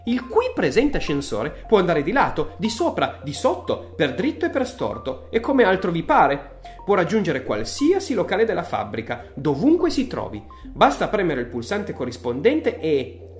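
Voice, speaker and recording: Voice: mid-range voice, wildly swooping pitch, moderate pace, reverberant, pitched above the performer's own voice. A reader voicing an eccentric, exuberant man who runs a chocolate factory, talking in a theatrical, showy way over faint music. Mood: excited, showy.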